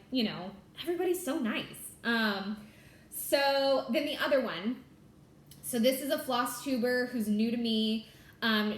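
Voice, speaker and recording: In this reverberant clip, a young adult woman from California hosts a Flosstube stitching vlog, chatting casually to camera. Her voice is medium in pitch and a bit bright, and she comes across as bubbly, with plenty of fillers like "like" and "y'all".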